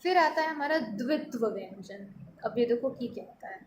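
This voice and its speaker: A woman teaching a school grammar lesson, explaining slowly and stretching out sounds to demonstrate them, often checking in with her students. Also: fairly high pitch, expressive, slight background noise.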